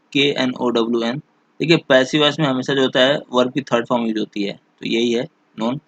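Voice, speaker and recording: Man slowly explaining an English exam. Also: medium pitch, dry recording. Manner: slow, drawn-out reading of English example sentences; explains in Hindi, keeps checking back with "theek hai". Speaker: teacher. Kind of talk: exam question walkthrough.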